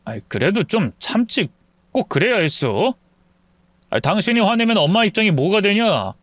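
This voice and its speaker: A soft-spoken husband, coaxing and apologetic as he smooths things over, played by a man in his own fairly high voice that still moves a lot in pitch. The sound is close and dry. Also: big pitch swings, normal speed, no room sound. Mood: placating. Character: placating husband caught between wife and mother.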